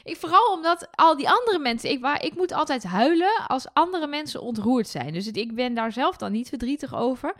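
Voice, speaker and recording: A woman's voice: high-pitched, lively intonation, a little fast, few pauses, a bit bright. A woman co-hosting a podcast, talking casually about a TV show. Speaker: podcast co-host. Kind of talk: casual chat discussing a TV show.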